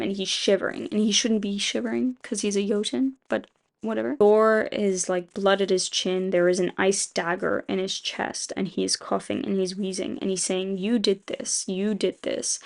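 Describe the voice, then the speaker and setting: A woman's voice: medium pitch, gravelly. A woman casually retelling a story she wrote, rambling and restarting, with frequent "like" fillers and casual swearing. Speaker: video creator. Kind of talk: casual retelling of a fan rewrite.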